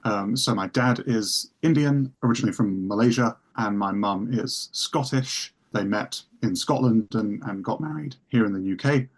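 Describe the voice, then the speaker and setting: A man's voice: lowish voice, moderate pace, hardly any pauses. A man from the UK, a podcast guest, talking in an easygoing, plain way. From United Kingdom. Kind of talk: casual chat.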